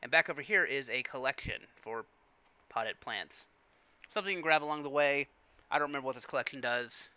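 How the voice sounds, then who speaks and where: A man's voice: mid-range voice, brisk, pushed and bright, smooth, no room sound, dull audio. A man hosting a let's play, giving chatty, casual game commentary full of fillers.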